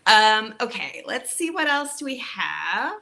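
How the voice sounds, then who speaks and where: Bright-voiced chatty woman author. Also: a little high, big pitch swings, unhurried, creaky, slight background noise. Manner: chatty, rambling, full of ums and likes. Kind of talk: casual online book talk.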